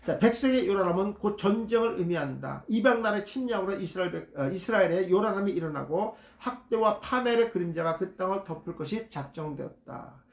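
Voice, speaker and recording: High-voiced man teaching a Bible class. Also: animated, a little fast, gravelly, few pauses, reverberant. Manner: reads the text aloud then explains it, repeats key words. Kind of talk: Bible study lecture.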